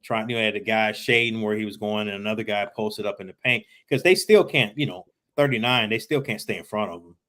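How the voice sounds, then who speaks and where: A man's voice: on the low side, quick pace, hardly any pauses, a bit bright. A man co-hosting a podcast, chatting casually about sports and explaining things at length with lots of fillers. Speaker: podcast co-host.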